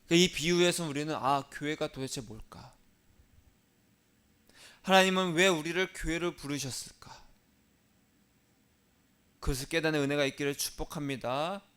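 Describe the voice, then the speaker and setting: A male pastor preaching a sermon. He poses questions and answers them himself, has the congregation repeat phrases after him, and moves between stressed, louder phrases and soft, low asides. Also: moderate pace, long pauses, smooth.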